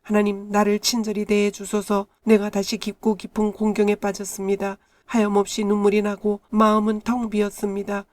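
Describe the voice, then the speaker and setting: Woman reading scripture in a flat, mellow voice. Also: mid-range voice. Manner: calm, measured reading. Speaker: Bible reader.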